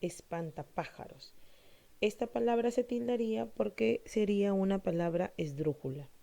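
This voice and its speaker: Woman teacher with a warm, mellow voice. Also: mid-range voice, creaky. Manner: slow, deliberate, asks pupils questions then answers. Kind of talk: explaining a Spanish grammar lesson to students.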